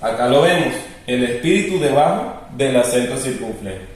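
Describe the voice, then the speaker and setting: A man's voice: mid-range voice, animated, moderate pace. A man teaching a lesson, patiently explaining and repeating rules. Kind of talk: recorded classroom lesson. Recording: very echoey room, distant mic.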